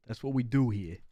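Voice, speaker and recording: Dude chatting w his stream chat while coding, mid-pitch voice, dry close mic. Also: mellow, no echo. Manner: chatty, talks to chat, rambling asides. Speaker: livestream host.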